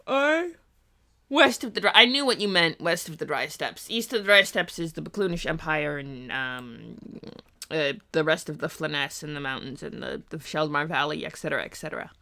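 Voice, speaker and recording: A woman chats on her live stream, rambling through her thoughts with frequent ums and uhs. Her voice is bright and clear, though she sounds worn out and sleepy. She talks casually and easily into a streaming mic. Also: deep voice, normal speed. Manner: rambling, many ums and uhs, thinking aloud. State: tired, sleepy.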